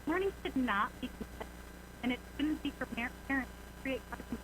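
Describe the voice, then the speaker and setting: A woman's voice: sits high, lively intonation, fast talker. A woman giving an earnest public comment over a remote call connection whose audio keeps breaking up and dropping words. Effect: choppy breaking-up call audio that stutters and drops words. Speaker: citizen speaker at a public meeting. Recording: noisy, glitchy remote call line.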